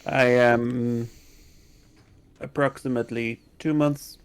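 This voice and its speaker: A man's voice: medium pitch, fairly even intonation, slow pace, clean tone. A man voicing a young, polite autognome in a tabletop game, careful, literal and formal in speech. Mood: earnest. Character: young, earnest, polite robot autognome eager to learn.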